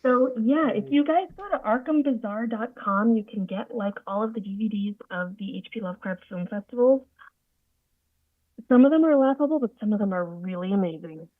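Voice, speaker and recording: A woman voice actor chatting casually on a video call from her sofa, telling stories in a lively, theatrical way. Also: mid-range voice, normal speed, dry recording. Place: home sofa. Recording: tinny phone-like line, dry.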